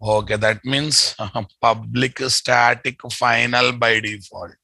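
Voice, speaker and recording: A man with a Telugu accent teaches an online coding class. His voice is forceful and dry, with an unhurried pace. He repeats his phrases and keeps checking in with his students. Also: mid-range voice, flat delivery, creaky, no echo. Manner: repeats phrases, addresses students familiarly with questions. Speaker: programming instructor. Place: indoor room at a computer.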